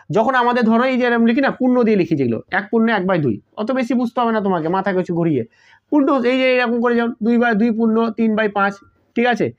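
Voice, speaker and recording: Math tutor, man with a high voice, patient step-by-step explainer, dull lo-fi recording. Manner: explains step by step, repeats key terms, checks "got it?" often. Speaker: math teacher. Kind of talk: online exam-prep math lesson.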